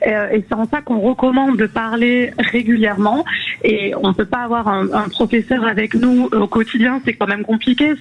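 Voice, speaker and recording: A woman speaking as a radio guest for a language-learning app, measured and agreeable, with many fillers and repetitions. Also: fairly high pitch, narrow, tinny audio. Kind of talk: radio interview.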